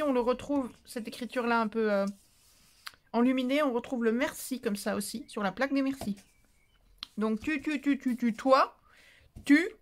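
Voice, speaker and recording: A woman's voice: on the high side, fairly bright tone. A woman hosting a paper-craft tutorial, talking casually and rambling as she thinks aloud, with playful little asides. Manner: chatty and rambling, thinking aloud while stamping; playful, drifts into silly singsong asides.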